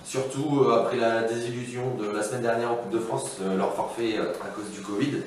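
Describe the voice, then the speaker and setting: Casual male host, stop-start results read, recorded far off in a boomy room. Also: steady tone, brisk, very echoey, a little hiss or hum. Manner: hesitant, many fillers. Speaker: podcast host.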